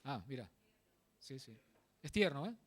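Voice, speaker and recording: A man's voice: mid-range voice, big pitch swings, a little slow. A man preaching a sermon in a church, explaining a Bible passage, stressing key words and making asides to the congregation.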